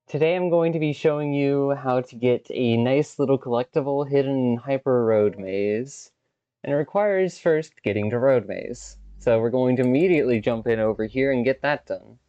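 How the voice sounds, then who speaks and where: A man's voice: mid-range voice, normal speed, warm tone, smooth, highs cut off. A man casually narrating a video game walkthrough with wry, offhand remarks. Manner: wry, offhand, swears when he slips.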